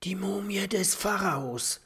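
A man's voice: on the high side, measured pace, pitched above the performer's own voice. A man whispering as a curious young hero. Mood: excited whisper. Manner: hushed, breathy whisper.

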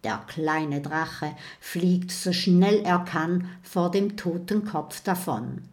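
Slow, dramatic woman storyteller. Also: on the low side, darkish tone. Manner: measured, dramatic read-aloud delivery. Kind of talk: children's story narration.

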